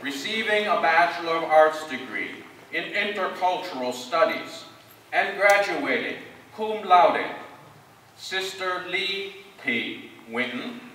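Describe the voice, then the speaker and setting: A man slowly and deliberately reading out graduates' names and degrees at a formal commencement ceremony. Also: fairly high pitch, animated, pushed and bright, slight background noise. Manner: slow, measured, deliberate name reading. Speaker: commencement name reader. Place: large ceremony hall. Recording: echoey hall from far off.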